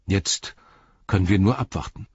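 A man's voice: low voice, moderate pace, breathy edge, no room sound, muffled recording. A man voicing a weary, loyal male hobbit in an audiobook, speaking with resigned determination. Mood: grim resolve.

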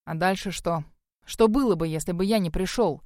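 Lady doing a low growly grumpy magic master guy, short and bossy, dry close audiobook sound. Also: moderate pace, a little mellow, dry recording, lightly acted. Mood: stern. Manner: curt, demanding. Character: gruff brooding man, a stern magic master. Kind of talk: audiobook character voice.

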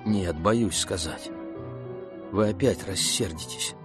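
A man reading the part of a timid, gentle gentleman in a storybook, speaking softly and pleadingly. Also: sits low, slow, faint music behind. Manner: soft, hushed and pleading.

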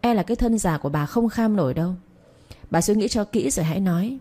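A woman's voice: medium pitch, expressive, quick pace, warm tone, natural voice. A woman reading the part of a young master who sternly interrogates a servant. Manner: cold, commanding questioning.

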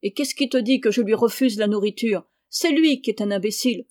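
A woman's voice: a little high, fairly quick, a little mellow, close to an everyday voice. A woman reading the part of a stern, harsh peasant father who scolds and mocks his sons. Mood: scolding. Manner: gruff, scolding, mocking.

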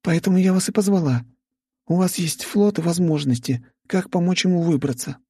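A male narrator voicing a brisk young noblewoman in an audiobook, lifting his voice into a high register. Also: dark tone, breathy edge, no echo, studio quality. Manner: high falsetto-like young woman's voice.

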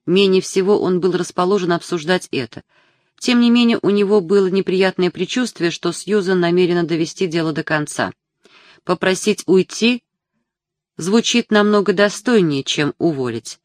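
Measured audiobook narrator, dry sound. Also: medium pitch, no echo. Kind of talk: scripted literary narration.

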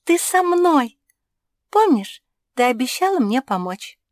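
High squeaky little pug girl, done by a lady, pleading and worried, slow storybook pace. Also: no echo, clean studio sound. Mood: anxious pleading. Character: anxious little female pug, eager and pleading.

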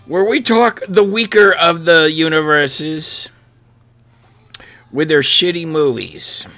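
A man's voice: fairly high pitch, takes it slowly, bright, forceful tone, voice pushed up, heavily acted. A man putting on a mock Scottish radio host. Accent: put-on Scottish. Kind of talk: jokey parody of a radio show intro.

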